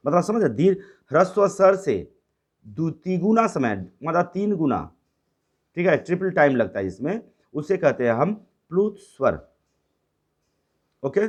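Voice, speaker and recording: A man explaining grammar to a class, his slightly high voice rising and falling a lot from phrase to phrase. He goes through each rule slowly, then says it again in plainer words, often dropping in English and Bengali phrases. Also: husky. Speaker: teacher.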